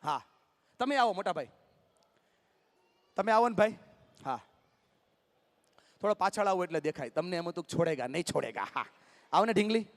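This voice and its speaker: A man gives a live motivational talk. He is lively and coaxing, joking with the crowd from the stage. His voice rings with long reverb in a large hall. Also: sits high, moderate pace, pauses often. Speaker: motivational speaker.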